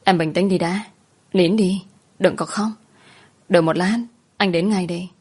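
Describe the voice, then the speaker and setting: A woman voicing a young man who calmly reassures his frightened girlfriend. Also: lowish voice, moderate pace, slightly rough. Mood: soothing. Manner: calm, soothing, urgent at times.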